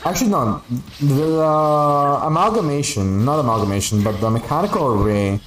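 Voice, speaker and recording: With a fairly high voice and poor audio quality, this Spanish-speaking-native game streamer rambles through his livestream at a moderate pace. His commentary is casual, full of playful, sweary complaints.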